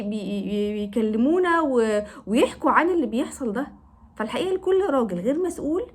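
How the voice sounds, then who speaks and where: A woman with an Egyptian Arabic accent giving advice straight to camera, scolding careless husbands with pointed rhetorical questions. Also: sits high. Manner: reproachful, lecturing, addresses husbands directly with rhetorical questions. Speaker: advice vlogger. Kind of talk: direct-to-camera advice talk.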